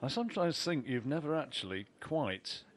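Mid-pitched male darts commentator. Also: very animated, normal speed, heavy background noise. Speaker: sports commentator. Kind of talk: live darts commentary with light banter.

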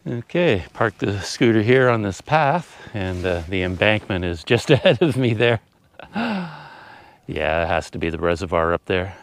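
Middle-aged male travel vlogger, low register, casual and unscripted, thinking out loud in the open air. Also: big pitch swings, unhurried. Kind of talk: casual unscripted vlog commentary. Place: outdoors on open countryside paths and roads.

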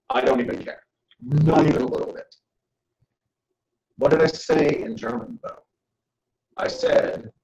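A man giving a joking, animated lecture to an audience as a guest speaker. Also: sits high, gravelly, reverberant, highs cut off, a little hiss or hum. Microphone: camera.

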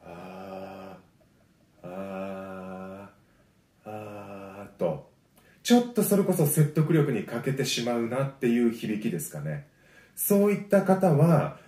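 A man teaching a voice lesson. He gives friendly, encouraging explanations and breaks them up with sustained low sung vowels. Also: sing-song, normal speed, warm tone. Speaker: voice trainer. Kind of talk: vocal lesson. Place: home. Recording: roomy echo.

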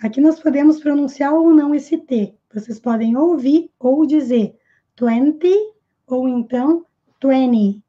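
On a recording with a somewhat dull quality, a high-voiced, mellow woman with a Brazilian Portuguese accent gives an English lesson. Each English phrase is repeated slowly and with care, then translated.

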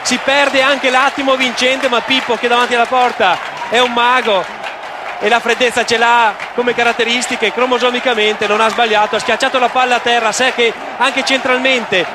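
A man's voice: very high voice, flat delivery, moderate pace. A man with an Italian accent analysing play in an explanatory way as a football co-commentator. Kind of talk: live tactical match analysis. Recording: loud stadium crowd noise behind. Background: football stadium crowd.

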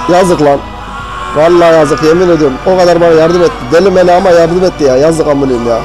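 A young man doing profane, excitable horror game commentary, with a mock newscaster tone. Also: fairly high pitch, quick pace, music in the background, rough recording. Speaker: gaming video host.

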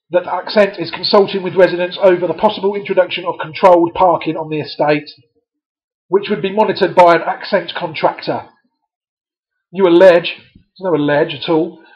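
A man in a community media presenter's role reads a letter aloud, cutting in with sarcastic, scoffing comments. His voice sits a little high. The recording is dull and lo-fi.

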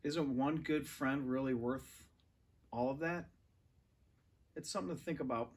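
His voice is medium-pitched with a breathy edge, and he reads a little slowly. The man, around forty, is reading a children's novel aloud in a large furnished living room indoors, picked up by a camera or phone a few metres away.

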